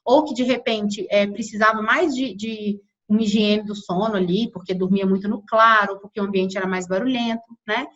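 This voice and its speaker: A woman's voice: mid-range voice, steady tone, moderate pace, hardly any pauses, fairly bright tone, muffled recording. A woman with a Brazilian Portuguese accent, an infant sleep consultant giving an online workshop lesson in a conversational way, often checking in with her listeners. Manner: conversational, frequent tag questions.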